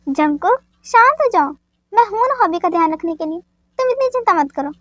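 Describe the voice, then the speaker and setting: A woman voicing a steady young husband who talks in a calming, reassuring way. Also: extremely high pitch, brisk, no room sound, clean studio sound.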